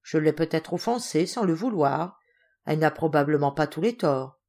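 A woman voicing a gentle, saddened widowed noblewoman who speaks tenderly to her daughter. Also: low voice, expressive, moderate pace. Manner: soft, tender, resigned.

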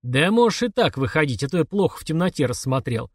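A man reading an audiobook, voicing a crude, bragging village guard who shouts orders. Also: on the high side, sing-song, quick pace, dry recording, clean studio sound.

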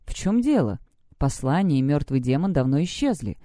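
A woman's voice: sits low, very animated, normal speed, warm tone, dry recording, clean studio sound. A woman voicing a blunt, hot-tempered teenage schoolgirl who scolds and swears. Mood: brash. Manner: brash, scolding.

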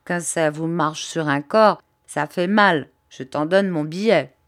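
A woman's voice: fairly low pitch, expressive, a little slow, vocal fry, no echo, clean studio sound. A woman voicing a mocking, wisecracking Parisian male reporter in a storybook reading. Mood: joking. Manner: jokey, cheeky banter.

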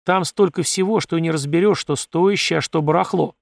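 A man's voice: fairly high pitch, fairly quick, vocal fry, dry recording, studio quality, voice pushed up. A man voicing a suspicious, whiny little male desert scavenger who grumbles and pleads. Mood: grumbling.

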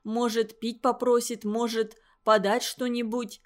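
A woman narrating a story in a steady, scripted reading voice. Her voice sits a little high for a woman. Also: unhurried. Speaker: audiobook reader.

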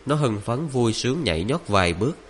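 A man narrating a fantasy novel in a steady, even reading voice. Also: mid-range voice, fairly quick, slight background noise.

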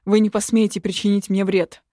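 A woman's voice: medium pitch, little pitch movement, brisk, mellow, dry recording, clean studio sound, natural voice. A woman voicing a proud nobleman who defies the emperor with firm, raised declarations. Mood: defiant. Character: proud defiant nobleman, a father standing up to the emperor.

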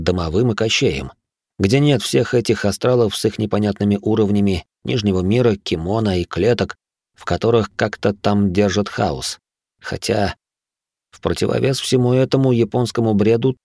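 Guy reading an audiobook, lowish voice, dry wry tone, super dry close mic. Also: a little mellow, dry recording. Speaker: audiobook narrator. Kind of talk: first-person audiobook narration.

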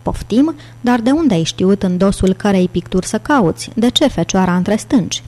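A man's voice: high-pitched, lively intonation, darkish tone. A woman narrator voicing a middle-aged male professor who questions in disbelief. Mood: astonished.

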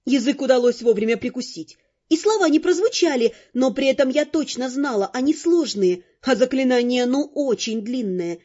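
A woman narrating an audiobook in the first person, lively and expressive, over faint music on a dull lo-fi recording. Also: sits high, normal speed, husky.

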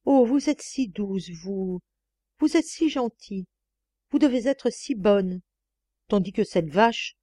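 A woman voicing a lecherous, stammering older male employer who pleads with his maid, in a slow, unhurried read. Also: mid-range voice, warm tone, no echo, natural voice. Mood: pleading.

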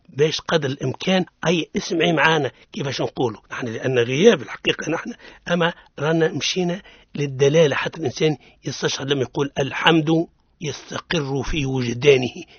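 A man with a Tunisian accent leads a radio lesson on Quran recitation in a fairly high voice. He explains patiently and stretches each example word out slowly so that listeners can repeat it. The sound is dull and dry, like an old studio broadcast. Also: a bit bright, slightly rough, no room sound. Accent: Tunisian Arabic.

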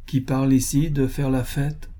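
A man voicing a stiff, affected society gentleman in a storybook reading, speaking formally. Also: mid-range voice, little pitch movement, normal speed, pitched above the performer's own voice, close to an everyday voice.

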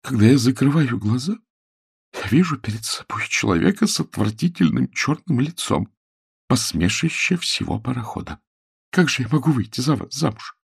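A man reading aloud and voicing an upset young woman who speaks softly in a trembling, pleading voice. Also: mid-range voice, lively intonation, fairly quick, creaky, husky, pitched above the performer's own voice. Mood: reproachful.

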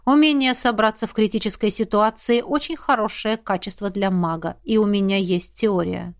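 A woman voicing a calm, weary male academy rector who speaks in a measured, patient way. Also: medium pitch, lightly acted.

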